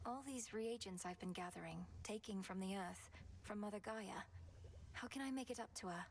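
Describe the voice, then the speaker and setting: A woman's voice: medium pitch, moderate pace, slight background noise, close to an everyday voice. A woman voicing an earnest, resolute young witch princess in a video game, speaking formally and thoughtfully. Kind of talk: video game character acting.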